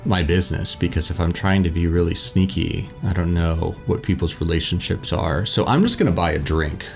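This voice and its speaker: Low-voiced man narrating a solo tabletop game. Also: fairly quick, creaky, soft background music. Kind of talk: casual live-play narration, thinking aloud.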